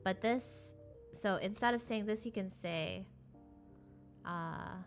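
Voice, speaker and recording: A woman's voice: medium pitch, slow, faint music behind. A woman giving a casual live-streamed beginner lesson, explaining with lots of fillers and restarts. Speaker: streamer teaching Korean.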